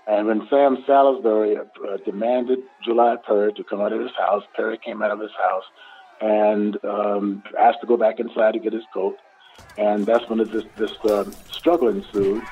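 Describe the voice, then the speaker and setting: A man speaking as an expert interviewee, explaining events haltingly over a tinny line. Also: on the low side, flat delivery, husky. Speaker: author and historian interviewee.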